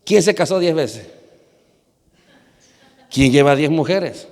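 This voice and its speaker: A man's voice: a little high, expressive, takes it slowly, a little mellow, big-room sound. A man from Argentina, a pastor, giving a conversational sermon, often asking his congregation questions and hesitating with fillers.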